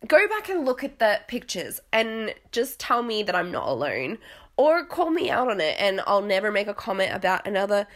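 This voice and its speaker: Young woman, podcast host, casual recap chat, rambling, gossipy, self-deprecating, mid-pitched. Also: big pitch swings, moderate pace. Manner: dramatic, exclamatory. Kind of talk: casual chatty reality TV recap.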